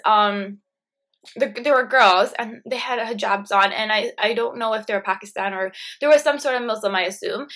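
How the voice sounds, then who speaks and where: A woman's voice: a little high, pushed and bright. A young woman ranting indignantly to camera in a casual vlog, full of "like" fillers. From Canada. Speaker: vlogger.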